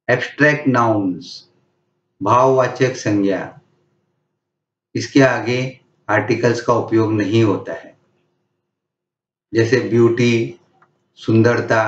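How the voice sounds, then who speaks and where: A man teaching English grammar, reading each rule slowly and then explaining it in Hindi. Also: medium pitch, far from the mic. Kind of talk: slow, deliberate grammar lesson. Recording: echoey room, dull lo-fi sound.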